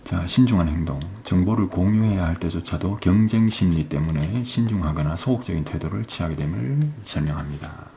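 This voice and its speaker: An English teacher with a low, mellow voice and vocal fry walks through an exam passage step by step. He often asks "right?" and reads English phrases slowly, with slight background noise.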